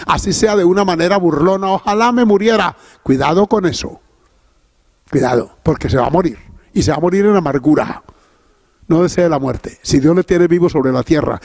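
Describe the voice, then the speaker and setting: A man's voice: fairly high pitch, vocal fry, darkish tone, no room sound, studio quality. A man preaching a sermon as pastor, emphatic and punctuated with cries of praise. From Colombia.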